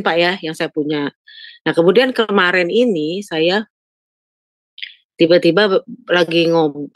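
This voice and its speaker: A woman's voice: lowish voice, dry recording. Chatty older woman, dry close sound. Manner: chatty, keeps adding "Pak, ya". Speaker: caller asking a pastor. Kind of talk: casual storytelling.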